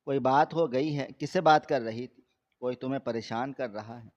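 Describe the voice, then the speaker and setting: A man voicing a newly married young woman who speaks softly and caringly to her young sister-in-law. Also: medium pitch, natural voice. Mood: coaxing. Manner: soft, coaxing and caring. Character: gentle, worried young bride, newly married. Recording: slightly dull lo-fi recording.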